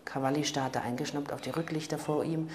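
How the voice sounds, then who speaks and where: A woman narrating a crime audiobook in a calm, even manner. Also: low-pitched, brisk. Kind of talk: scripted narration.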